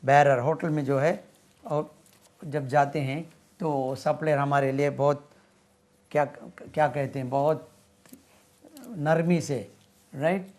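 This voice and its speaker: An English teacher with a somewhat high voice runs a spoken vocabulary lesson at a very slow pace. He patiently spells out words letter by letter, repeating himself and constantly checking in with "right?".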